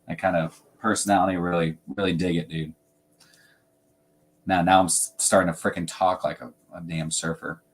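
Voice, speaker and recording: A man chats loosely with his viewers during a live stream, drifting between thoughts and laughing often. His voice sits a little low. He sounds like he is at a desk mic at home. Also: little pitch movement, normal speed. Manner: laid-back, rambling, laughs often. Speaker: fragrance channel host. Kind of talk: casual livestream chat.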